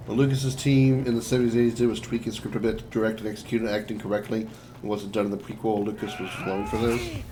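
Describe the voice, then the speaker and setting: A man's voice: fairly low pitch, little pitch movement, quick pace, background noise. A man chatting casually as he streams a game, rambling and blunt. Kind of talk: casual gameplay chat.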